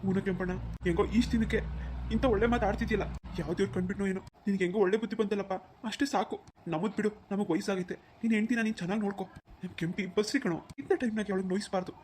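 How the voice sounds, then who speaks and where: A woman's voice: mid-range voice, fairly even intonation, rapid-fire, slight background noise, lightly acted. Woman doing an old village parent. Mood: scolding. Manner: gently scolding, fond. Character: old village parent scolding a grown son.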